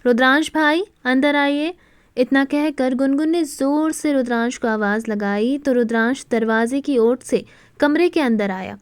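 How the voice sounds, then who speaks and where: A woman narrating a romantic family story in a steady storytelling manner. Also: sits high, normal speed, clean tone, no room sound.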